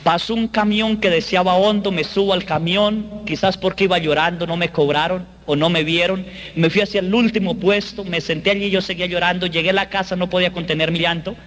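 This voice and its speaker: A man giving an emotional first-person faith testimony, earnest and dramatic, slowing down on key phrases. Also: high voice, steady tone, a bit bright, a little hiss or hum.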